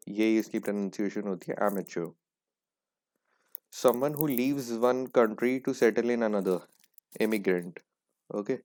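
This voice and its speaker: A man teaching an exam prep lesson in casual Hindi-English, explaining patiently and reading English examples slowly. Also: medium pitch, a little mellow. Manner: explains patiently, repeats "ठीक है" often.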